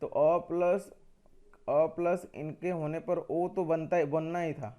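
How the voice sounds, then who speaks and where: A man's voice: fairly high pitch, steady tone, takes it slowly, dark tone, smooth, dull audio. A man teaching a grammar lesson, explaining step by step, asking questions and answering them himself, and repeating key points.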